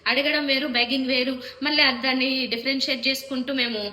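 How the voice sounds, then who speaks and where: A woman's voice: sits high, little pitch movement, fast talker, bright, forceful tone, roomy sound. A woman reviewing a reality show in an opinionated monologue, firing off indignant rhetorical questions one after another.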